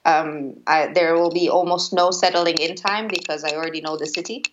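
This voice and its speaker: A woman's voice: lowish voice, steady tone, fairly quick. A woman in her thirties, a musician, answering interview questions in a hesitant way with many restarts. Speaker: interviewee, musician and former teacher. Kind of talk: conversational interview. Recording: dull lo-fi sound with faint noise.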